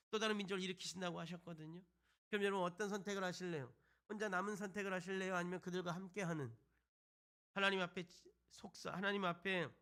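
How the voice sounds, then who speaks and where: Bright-voiced male pastor preaching. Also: high voice. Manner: asks the congregation rhetorical questions; retells scripture with acted quotes. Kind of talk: sermon to a youth service.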